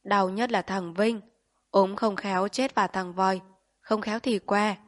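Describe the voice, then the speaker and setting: A woman's voice: mid-range voice, steady tone, measured pace, close to an everyday voice. A woman voicing a landlord's wife talking with worried chatter. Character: landlord's wife, anxious and gossipy.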